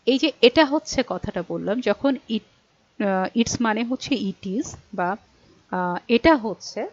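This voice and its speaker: A fairly high-voiced woman with a Bangladeshi accent gives a patient exam-prep lesson and reads each English example out slowly. The sound is dry and a little dull. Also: expressive, no room sound. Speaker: English teacher.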